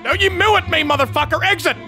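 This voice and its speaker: Man as drill sergeant, game role-play, very high pitch, sharp bright tone, barking, foul-mouthed, exasperated. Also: quick pace, faint music behind, full character voice. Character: brash, foul-mouthed drill sergeant gun-shop boss. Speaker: player running a gun shop in a role-play game.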